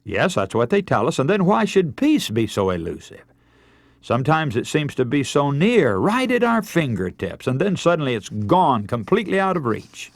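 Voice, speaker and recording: Speaking at a normal pace in a rather high, very animated voice, a male radio preacher who also hosts broadcasts works through a scripted sermon. His style is earnest, emphatic and oratorical, full of rhetorical questions for his audience, and no room sound is present.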